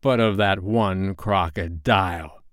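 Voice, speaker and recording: Man playing a slow, menacing storybook pirate captain. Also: on the low side, clean tone, dry recording, studio quality, close to an everyday voice. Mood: brooding. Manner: slow, dark, menacing delivery. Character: brooding, vengeful, petulant male pirate captain. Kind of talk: storybook character voice.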